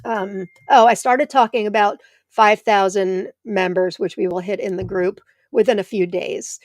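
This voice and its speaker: A woman's voice: medium pitch, fairly even intonation, measured pace, no room sound, studio quality. A middle-aged American woman hosting a live stream from home, chatting and answering viewers by name. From United States. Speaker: host of a live tomato show. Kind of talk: live stream chat reading comments.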